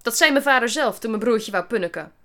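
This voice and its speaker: A woman voicing a rude, defiant schoolboy who shouts cheeky remarks. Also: on the high side, lively intonation, a little fast. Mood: defiant loud.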